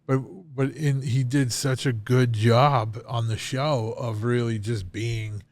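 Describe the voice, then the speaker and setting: A man's voice: medium pitch, steady tone, slow, darkish tone. A man hosting an interview, talking in an easygoing way with plenty of fillers and "like.". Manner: easygoing, filler-heavy, says "like" often. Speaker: podcast host. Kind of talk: casual interview conversation.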